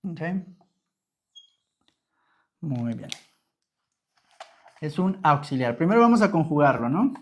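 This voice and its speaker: Speaking in a Mexican Spanish accent, this young man from Mexico has a slightly high, very animated voice, yet he moves slowly with long pauses. He teaches English grammar live to viewers, chatting with them, answering their comments, and tossing in "¿ok?" constantly.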